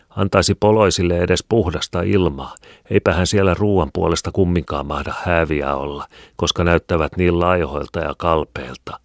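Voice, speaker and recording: A man's voice: rumbling low, dry recording, studio quality. A man voicing an outspoken peasant woman who scolds and grumbles with indignation.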